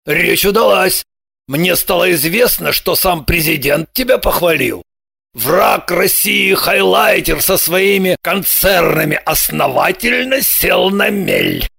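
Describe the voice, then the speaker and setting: A woman voicing a flustered, quick-tempered middle-aged male boss in an audiobook, with a gravelly, breathy, slow manner. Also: on the low side, big pitch swings, fairly bright tone, no echo, studio quality, full character voice. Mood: grumbling. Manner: slow, blustering. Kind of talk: audiobook character voice.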